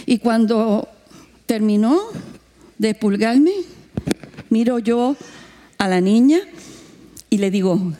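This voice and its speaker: A woman's voice: slow pace, pauses often. A woman preaching a sermon, telling a missionary story and acting out the voices in it. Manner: lively, acts out quoted voices with big pitch jumps.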